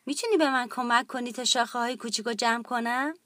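A woman voicing a busy little yellow duck in a children's story, talking in a rush. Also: no room sound, studio quality. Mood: hurried. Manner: rushed, high and excited.

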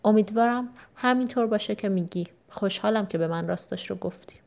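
A woman reading a calm, loving mother. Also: mid-range voice, gravelly, highs cut off, natural voice. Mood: reassuring. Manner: calm and reassuring. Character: warm, understanding mother.

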